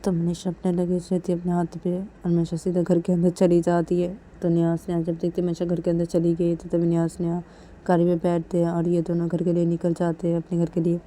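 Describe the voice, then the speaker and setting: A woman tells a story in a casual, unpolished way, going back over details. Her voice sits fairly low and stays quiet and even. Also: brisk. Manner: plain, repetitive retelling. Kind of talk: casual spoken story narration.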